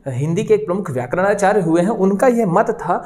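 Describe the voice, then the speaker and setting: A man's voice: sits high, lively intonation, fairly quick, a little mellow. A man teaching an exam-prep grammar lesson. He explains step by step in a reassuring way and keeps checking that his students are following. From India. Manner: reassuring, repeats "okay" and "friends" often.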